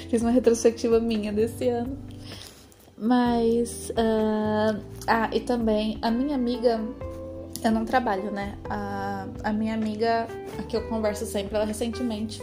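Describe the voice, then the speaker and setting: A woman in her twenties talking through a rambling, hesitant, confessional personal vlog with lots of fillers. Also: fairly high pitch. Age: 20s. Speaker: vlogger. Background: background music.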